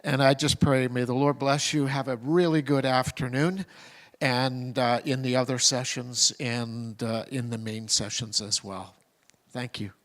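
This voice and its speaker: A man moderating a conference session, thanking the speaker and giving gracious, unhurried closing announcements. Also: medium pitch, steady tone, a bit bright.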